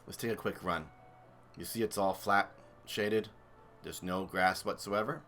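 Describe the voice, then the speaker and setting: A man's voice: low voice, steady tone, measured pace, sharp tone, a little hiss or hum. A man streaming and commentating a video game comparison in a chatty, enthusiastic way. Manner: chatty, enthusiastic, thinks aloud. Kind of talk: casual gameplay commentary.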